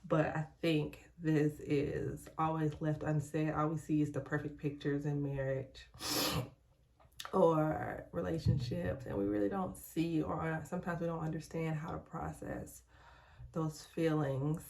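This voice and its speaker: A young woman vlogger chatting candidly in a hushed, halting, reflective way while doing her skincare in a bathroom at home. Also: deep voice, level tone, gravelly. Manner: hushed, so as not to be overheard. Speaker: lifestyle vlogger.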